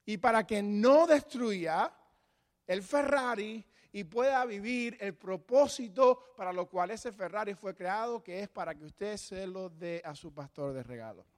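High-voiced preaching man, big hall. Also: measured pace. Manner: dynamic preaching, acting out imagined voices. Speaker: pastor. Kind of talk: sermon. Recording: long hall reverb.

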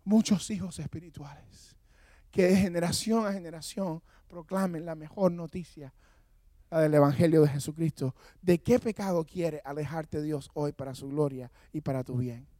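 A man preaching a sermon from a church altar, passionate and sometimes shouting, and mixing self-mocking stories with earnest appeals. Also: on the high side, moderate pace, no echo, studio quality. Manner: storytelling with self-mocking humor. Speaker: pastor.

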